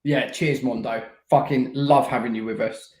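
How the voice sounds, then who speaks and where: A man's voice: mid-range voice, fairly even intonation, moderate pace, a little mellow, roomy sound. A man co-hosting a casual debrief of an airsoft event, talking in a sweary, teasing, laddish way.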